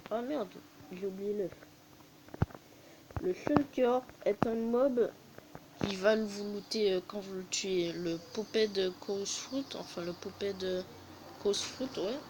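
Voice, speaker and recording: Slow, hesitant woman reviewing a game. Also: medium pitch, noisy background. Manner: hesitant, many fillers and self-corrections; self-mocking, jokey asides. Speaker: gaming video host. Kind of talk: casual game update review.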